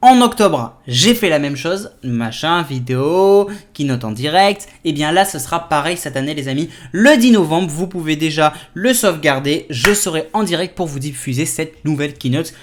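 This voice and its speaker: A man presenting a casual tech news vlog, talking in a lively way with many fillers and restarts. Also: on the high side, normal speed, hardly any pauses. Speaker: tech YouTuber.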